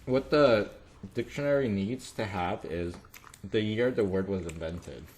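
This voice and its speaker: A man with a slightly low voice chats casually while co-hosting a mukbang. His talk is informal table conversation, recorded with a light layer of background noise. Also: a little slow, a little mellow. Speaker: mukbang video co-host. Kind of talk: casual chat over a meal.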